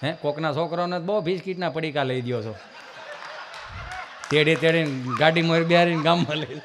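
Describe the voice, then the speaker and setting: A man doing live folk comedy storytelling on stage, animated and acting out family characters. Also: on the high side, brisk, noisy background. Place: live stage event with audience.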